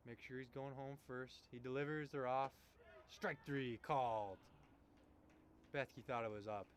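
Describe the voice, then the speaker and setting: This is casual live sports commentary: a young Canadian man calling a baseball game with slang and humor amid the noise of the broadcast. His mid-range voice holds a steady tone and runs a little slow.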